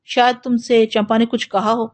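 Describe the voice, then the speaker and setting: A woman reads the lines of a withdrawn young man in an audio novel, tired and deflecting. The voice stays subdued and a little high. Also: level tone, darkish tone, natural voice. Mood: weary. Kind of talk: audiobook reading.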